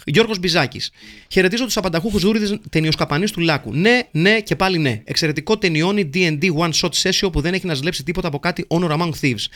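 This man hosts a podcast in a high voice with a fairly bright tone. He jokes around while reading listener messages aloud and rushes through lists of names.

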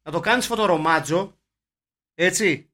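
A man's voice: sits high, sharp tone. A man co-hosting a casual film podcast, talking emphatically and scornfully and often repeating himself. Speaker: podcast co-host.

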